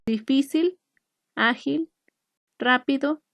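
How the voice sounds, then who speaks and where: Dry-sounding, higher-voiced woman teacher. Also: fairly bright tone, no room sound. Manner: clear, measured explaining with occasional restarts. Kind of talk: recorded online lesson. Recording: dry, slightly muffled recording.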